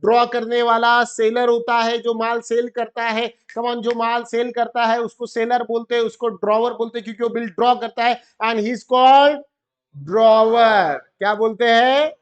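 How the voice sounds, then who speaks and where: A man's voice: extremely high pitch, level tone, unhurried, clear, resonant tone, dull audio. A male commerce teacher, lecturing a class, drilling terms in call-and-response and mixing with English terms. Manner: mixes Hindi with English terms.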